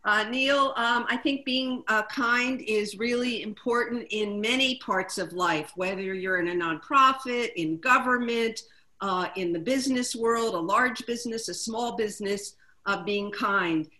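A woman co-hosting a talk show, introducing a guest and reading prepared figures in a measured way. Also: fairly high pitch, bright, forceful tone, reverberant, rough recording. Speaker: co-host.

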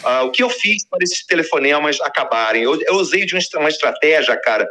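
A man's voice: a little high, quick pace. A man telling a long personal story in a casual, slangy way, acting out the voices of the people in it. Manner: animated, slangy, acts out quoted voices.

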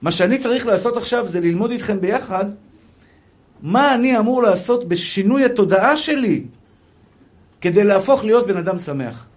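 Animated high-voiced rabbi lecturing. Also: male voice. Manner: animated storyteller who acts out quoted speech; repetitive, emphatic phrasing with frequent restarts. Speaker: rabbi giving a Torah lecture. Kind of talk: spoken religious lecture to an audience.

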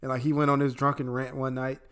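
This podcast co-host is a young adult man from the Midwest, talking politics with plenty of profanity and emphasis while alternating between shouting and muttered asides. He speaks quickly, smoothly, and flatly.

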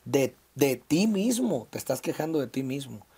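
A man in his thirties with a Mexican Sinaloa accent talks through his past in a relaxed interview. He speaks reflectively, pausing on fillers and restarting his phrases, at a medium pitch. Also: breathy edge. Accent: Mexican Spanish, Sinaloa. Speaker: interview guest, singer. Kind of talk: casual conversational interview.

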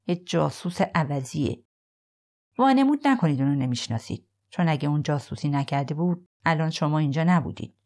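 A woman's voice: low voice, expressive, darkish tone. A woman voicing a defiant male suspect under interrogation in an audiobook, sneering and bargaining. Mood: taunting. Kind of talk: audiobook character voice.

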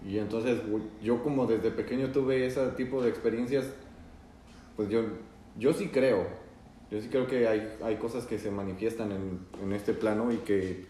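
A man chatting calmly on a podcast, thoughtful, with hesitant pauses. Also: lowish voice, a little hiss or hum. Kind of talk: casual chat. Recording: roomy, from a distant mic.

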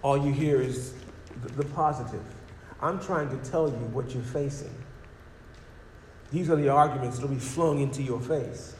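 A man's voice: mid-range voice, moderate pace, a little mellow. A male preacher giving an emphatic sermon, addressing the congregation directly in a church hall. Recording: echoey hall with faint noise.

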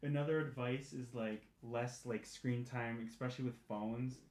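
A young man co-hosting a podcast, rambling in casual chat and filling every pause with "like". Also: medium pitch, fairly even intonation, a little mellow. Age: young adult. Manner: rambling, says like a lot. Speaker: podcast co-host. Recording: echoey room.

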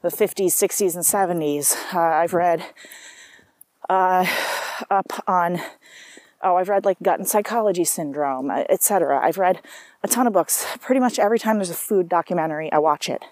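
In a casual personal monologue, this South African vlogger drifts between thoughts, adding many asides and starting over often. She talks at a moderate pace in a lowish, darkish voice, recorded with no room sound.

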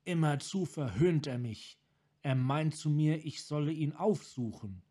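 A man voicing a tormented male wanderer who speaks in broken, halting phrases, in a fan audiobook reading. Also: fairly high pitch, mellow, slightly rough. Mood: haunted. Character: haunted tormented male dragon-mage wanderer.

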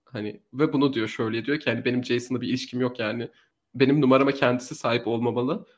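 Male podcast co-host, rapid animated true crime storyteller. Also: medium pitch. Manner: animated storytelling, laughs often.

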